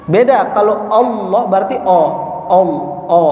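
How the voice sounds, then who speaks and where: A man's voice: high-pitched, measured pace, warm tone, muffled recording, a little hiss or hum. A male religious teacher giving a Quran reading lesson to a live audience, drilling pronunciation by repeating single sounds and asking listeners to repeat after him. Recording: echoey hall with long reverb.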